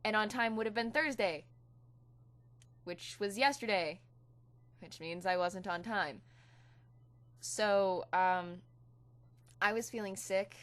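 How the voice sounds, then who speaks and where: A woman's voice: mid-range voice, slow pace, pauses often, a bit bright. A woman hosting and giving a dramatic reading of comic fan fiction.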